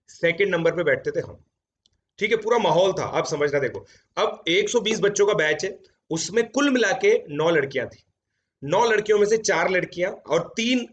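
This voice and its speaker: A man in his thirties, a coaching educator, telling a story from his student days to his students in a chatty Hindi-English mix, recorded in a home studio. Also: high-pitched. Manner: chatty Hindi-English mix, frequent "theek hai" fillers. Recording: dull lo-fi sound.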